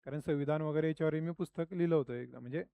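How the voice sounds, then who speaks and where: A man's voice: fairly high pitch, very fast, gravelly, dark tone, clear, resonant tone. A middle-aged man teaching a class in a classroom, chatty and constantly asking students questions. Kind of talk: classroom lecture.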